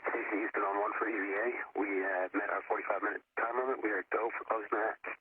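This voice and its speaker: A man's voice: lowish voice, fairly even intonation, quick pace. Man on a crackly space radio link. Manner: clipped, matter-of-fact. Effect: noisy narrow space-to-ground radio link. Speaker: mission control communicator. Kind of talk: terse radio procedure calls. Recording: hissy band-limited radio feed.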